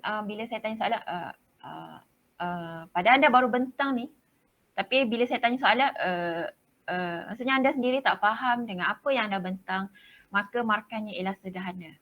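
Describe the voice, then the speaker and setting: A woman's voice: medium pitch, muffled recording. A woman teacher with a Malaysian Malay accent, chatty and direct as she explains how class presentations are marked, now and then slipping English words into her talk. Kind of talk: classroom briefing on presentation marking.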